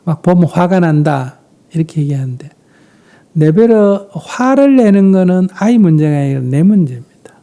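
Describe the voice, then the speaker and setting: During a dharma talk, a high-voiced man, a Buddhist monk with a Gyeongsang Korean accent, responds calmly to questions at normal speed. His sentences frequently fade into a breathy half-whisper.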